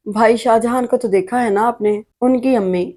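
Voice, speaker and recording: A playful young woman who has just graduated, teasing and lively, as a woman reads her lines. The voice sits fairly high and sounds soft and mellow. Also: moderate pace, natural voice.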